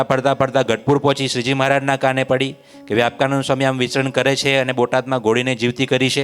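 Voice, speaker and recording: Guy telling a temple story, sing-song and repetitive, medium pitch, soft sitar behind. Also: clean tone. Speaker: religious storyteller. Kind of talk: devotional story sermon.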